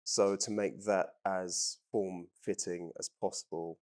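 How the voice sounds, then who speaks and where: Deep-voiced man, rambling and relaxed. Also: slow. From Trinidad and England. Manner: relaxed, rambling with many ums and restarts. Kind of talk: casual interview talk.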